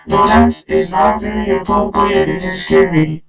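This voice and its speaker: A man's voice: high-pitched, fairly even intonation, moderate pace, gravelly. A man playing a strict, angry parent in an amateur cartoon, scolding a schoolchild. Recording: roomy echo, guitar music behind. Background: plucked guitar music.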